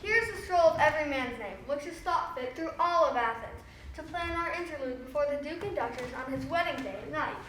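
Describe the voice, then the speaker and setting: A fussy carpenter calling the roll of his amateur actors, played by a woman. The voice is high and brisk in manner. It comes from a distance, with heavy room echo and a faint hiss behind it. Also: fairly bright tone. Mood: busy. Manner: businesslike, directing the others. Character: fussy organizing male carpenter, Peter Quince. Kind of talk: Shakespeare scene performance. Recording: very echoey room, voice heard from a distance.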